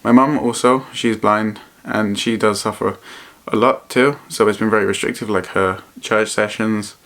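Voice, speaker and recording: A man vlogging in a reflective, personal way, speaking earnestly and haltingly and often repeating his phrases. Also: on the low side, steady tone, fairly bright tone. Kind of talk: personal vlog to camera, reflective talk.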